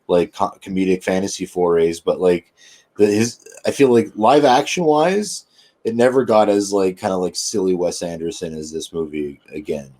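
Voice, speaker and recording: A man's voice: low-pitched, normal speed, mellow. A man co-hosting a film podcast in casual chat, rambling with lots of fillers and restarts and casual swearing.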